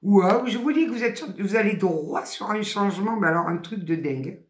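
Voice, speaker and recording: A woman in her fifties with a Southern French accent gives a casual spiritual card reading. She chats and exclaims, then reads each card's text slowly aloud. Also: mid-range voice, expressive. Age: 50s. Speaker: oracle card reader. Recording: echoey room.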